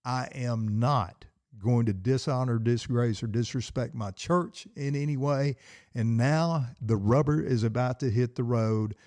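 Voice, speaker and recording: A man's voice: mid-range voice, a little slow, a little mellow, no echo. A middle-aged man, hosting a solo podcast from his basement and preaching with fired-up, emphatic repetition. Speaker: podcast host and pastor. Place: home basement.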